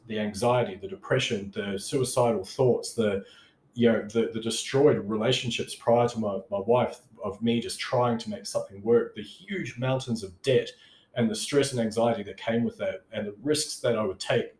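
A man's voice: medium pitch, a little mellow. A man giving a casual motivational talk to his audience as an online business coach, conversational and rambling, repeating phrases for emphasis. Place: roomy space at home next to a busy motorway. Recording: echoey room beside a busy road.

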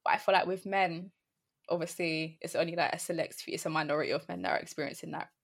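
A woman's voice: on the low side, fairly even intonation, fast, creaky. A young woman hosting a podcast in casual, slangy, jokey chat. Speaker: podcast host.

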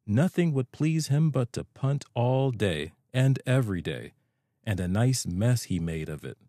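A man's voice: medium pitch, very animated, measured pace, warm tone, dry recording, clean studio sound, pitched above the performer's own voice. A man voicing a cheerful, sociable male water rat in a storybook reading. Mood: chatty.

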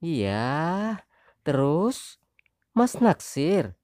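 A woman voicing a sharp-tongued young wife in an audio story, shrill and sarcastic as she argues with her husband. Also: very animated, drawn-out words, no echo, clean studio sound, heavily acted. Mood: snappy. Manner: shrill, sarcastic, rising indignation.

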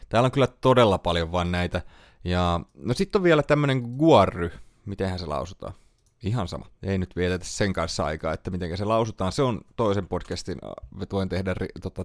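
Low-voiced man musing over series picks. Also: no echo, studio quality. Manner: chatty, thinks aloud, trails off and corrects himself. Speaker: podcast host. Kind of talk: casual solo podcast review.

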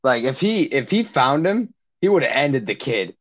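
A man's voice: medium pitch, big pitch swings, normal speed. A young man casually telling a long camp story, rambling with lots of "like" and acting out the quotes. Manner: rambling, heavy use of "like", acts out quotes. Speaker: podcast co-host. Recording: dull lo-fi sound.

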